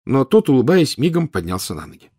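A man narrating an audiobook in a measured, expressive reading. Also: medium pitch, husky. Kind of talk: scripted narration.

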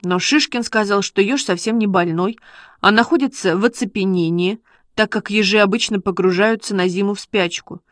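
Woman reading a kids' story aloud, even and calm, dry close sound. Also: medium pitch, normal speed, dry recording. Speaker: audiobook reader. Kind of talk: scripted narration of a children's story.

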